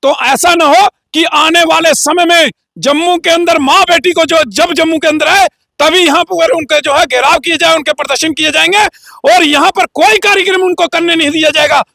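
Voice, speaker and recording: A man's voice: very high-pitched, fairly even intonation, moderate pace, creaky, bright, forceful tone, dry recording, clean studio sound. A man as an interview guest giving a heated, combative political statement with frequent filler phrases. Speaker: interview guest, local group leader.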